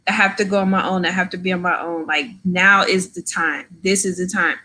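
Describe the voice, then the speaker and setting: A woman from Florida, in her thirties, chats casually as a podcast guest telling her story, with frequent "like" and "right?" tags. Her pitch is fairly low and her tone steady, and she speaks briskly in a pushed, bright voice.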